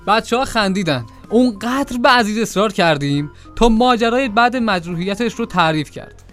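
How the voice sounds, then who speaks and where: A man narrating a comic audio drama in a lively storytelling manner. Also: high-pitched, faint music behind.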